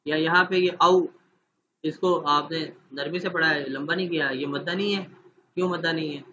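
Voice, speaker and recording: A man's voice: fairly high pitch, fairly even intonation, pushed and bright, dull audio, a little hiss or hum. A man training teachers in an online class, explaining steps patiently and often checking that his listeners follow.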